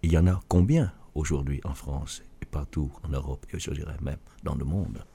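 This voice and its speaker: Un homme d'âge mûr originaire du Vietnam, auteur et chef d'entreprise, qui répond en interview avec sérieux et hésite souvent. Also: male voice, extremely low pitch, gravelly, mellow, breathy edge. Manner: earnest, halting with restarts. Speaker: author and business leader. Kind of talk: radio interview answer.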